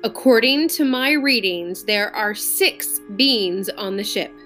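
A woman voicing a stern male captor in a storybook reading, setting terms in measured, deliberate speech. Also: medium pitch, lively intonation, fairly bright tone, soft background music. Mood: commanding. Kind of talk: audiobook character voice.

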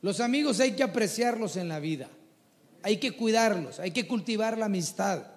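A man preaching a folksy, animated sermon to a church congregation. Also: high-pitched, moderate pace, long reverb tail. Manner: animated, folksy, mimics people he talks about.

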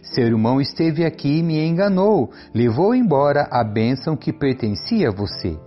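A man reading the lines of an aged blind father giving a solemn, measured blessing, in a lively, fairly high voice over faint music. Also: lo-fi sound.

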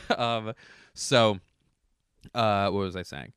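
Here the hoarse comedian speaks extremely slowly, pausing to clear his throat as he rambles to camera from home. His low voice still has a smooth, slightly bright tone, captured close in a dry recording. He swears offhandedly and fixes his sentences as he goes.

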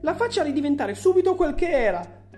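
A woman's voice: sing-song, fairly quick, warm tone, soft background music. A woman voicing a frantic, shrieking middle-aged mother in a storybook reading. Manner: screeching, panicked, very high.

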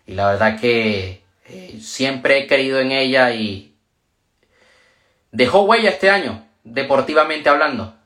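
A man telling a personal story on a livestream, animated and emotional, with sudden leaps in pitch. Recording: roomy echo.

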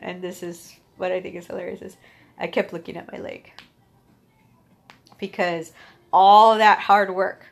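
Young woman, personal story, blunt and profane, laughs often, animated quotes. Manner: candid, swears freely, laughs at her own story; animated, acts out quoted lines with big pitch jumps.

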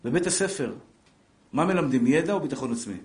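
A middle-aged man giving a live religious lesson, lively and joking, speaking straight to his listeners and acting out family scenes. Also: fairly high pitch. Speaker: Torah teacher. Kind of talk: live Torah lesson to an audience. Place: class room with a live audience. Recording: echoey room.

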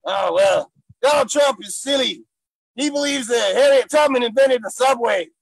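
A man doing a gravelly gorilla comic. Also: very high voice, moderate pace, no room sound, full character voice, rough recording. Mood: boastful. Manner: broken-English put-on accent, loud bursts. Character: gruff male gorilla stand-up comic, bragging and silly. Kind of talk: improvised comedy character interview.

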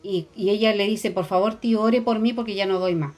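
A woman's voice: mid-range voice, fairly even intonation, a little fast, a little mellow, faint music behind. Woman telling a testimony. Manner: storytelling, hesitant with fillers. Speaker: radio co-host.

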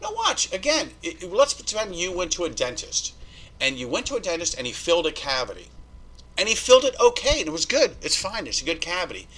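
A high-pitched man talks briskly on a rough recording, spinning a story as a podcast guest. His talk is casual and full of swearing, and he's animated, acting out the voices of the people he quotes.

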